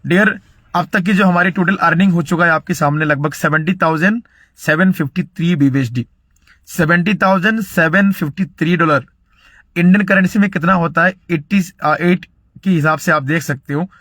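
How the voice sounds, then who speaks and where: A man in his late twenties from India, delivering a persuasive motivational sales pitch for network marketing. He mixes English phrases into his talk, leans on fillers like "you know" and often clears his throat. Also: fairly bright tone, dry recording. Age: 20s.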